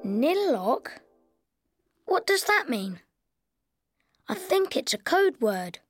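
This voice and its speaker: A woman voicing an excitable young boy adventurer in a children's story, with clearly spoken, exaggerated questions and exclamations. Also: high voice, slow pace, no room sound, faint music behind, exaggerated voice. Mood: puzzled. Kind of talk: scripted children's story dialogue for language learners.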